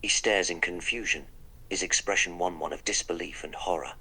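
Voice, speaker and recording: A man's voice: low-pitched, fairly quick, pushed and bright, husky, exaggerated voice, poor audio. A man voicing the Doctor, a wry, polite eccentric time traveller, in a text-to-speech role-play that narrates his own actions.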